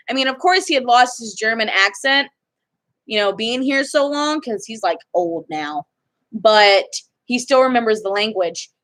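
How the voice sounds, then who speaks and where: Chatty woman, slightly high voice. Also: bright, forceful tone. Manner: chatty, rambling, self-interrupting. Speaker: vlogger. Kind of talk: casual chat.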